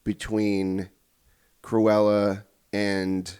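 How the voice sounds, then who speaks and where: Lower-voiced rambling podcast host man. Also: level tone, drawn-out words, a little mellow, clean tone. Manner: rambling, restarts questions, enthusiastic. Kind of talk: casual interview chat.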